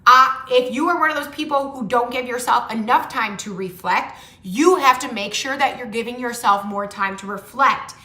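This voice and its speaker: A slightly high, sharp-toned young adult woman does a casual tarot reading in her role as a tarot reader and motivational vlogger. She's blunt and pushy, swears freely, and ends points with "okay?", recorded in an echoey room.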